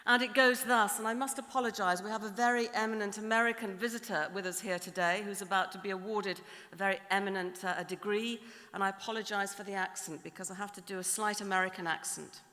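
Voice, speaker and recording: A middle-aged woman giving a formal, measured graduation address from a podium, building her points through lists and repetition in a large ceremony hall. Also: mid-range voice, fairly even intonation, pushed and bright. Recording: long hall reverb in a large hall.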